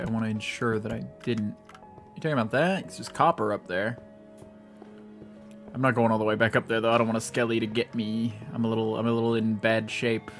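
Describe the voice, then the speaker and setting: A young American man giving casual, rambling, self-mocking commentary while he streams a game, swearing freely. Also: fairly low pitch. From United States.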